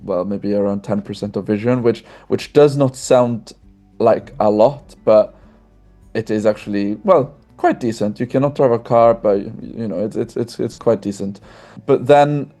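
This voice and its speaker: A young man from Iceland talks openly as a podcast guest over a video call. His voice sits low and sounds dark and mellow, and he often restarts his phrases in a friendly, easygoing way. Faint music plays softly in the background. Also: unhurried. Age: 20s. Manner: friendly, open, with frequent restarts. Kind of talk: casual conversational interview.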